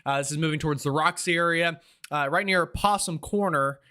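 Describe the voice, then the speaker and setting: A man hosting a live weather stream, giving informal, urgent and excitable storm commentary while thinking aloud. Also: a little high, a little fast, clean tone.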